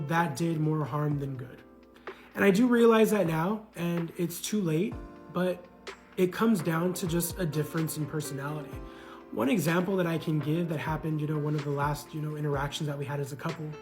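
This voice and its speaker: Guy talking through his divorce, earnest, lots of you know, backing music. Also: a little high. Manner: earnest, repeats words, many "you know" fillers. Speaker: man recounting his divorce. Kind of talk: casual reflective monologue.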